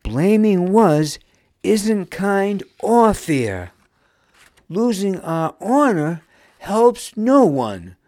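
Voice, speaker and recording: A man's voice: a little high, big pitch swings, very slow, a little mellow, dry recording, clean studio sound, voice pushed up, full character voice. A man voicing Nam, an earnest young girl who speaks up for fairness, in a children's storybook reading. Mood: indignant. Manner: pleading, then firm and heartfelt.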